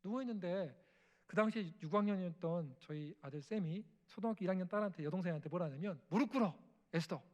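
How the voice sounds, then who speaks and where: A man's voice: high voice, quick pace, lo-fi sound. A middle-aged male missionary preaching an emotional testimony sermon in a church, acting out family dialogue and prayers. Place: church sanctuary.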